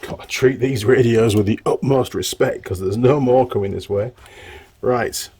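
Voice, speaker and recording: Talking to the viewer as he works, a motorbike mechanic and video host keeps up a chatty, casual stream of thoughts like a workshop vlogger. He speaks at normal speed in a medium-pitched voice that's a little mellow and slightly rough.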